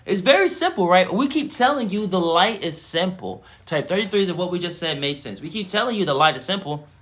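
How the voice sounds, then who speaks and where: A man's voice: high voice, lively intonation, fairly quick, a bit bright. A man giving a live-streamed spiritual teaching, repeating himself and rising into emphatic bursts.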